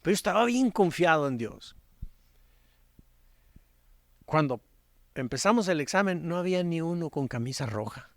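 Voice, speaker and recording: Animated Mexican pastor preaching a sermon. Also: male voice, on the high side, normal speed, pauses often, dry recording, studio quality. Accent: Mexican Spanish. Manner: storytelling, swings between loud animated peaks and hushed quiet passages.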